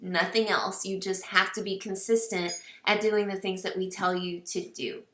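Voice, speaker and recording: A woman in her thirties or forties, a fitness business team coach, gives a casual recruiting talk to camera that is earnest and encouraging, full of fillers, and teary at times. Her mid-range voice has little pitch movement, normal speed and a fairly bright tone, with roomy sound from a distant mic.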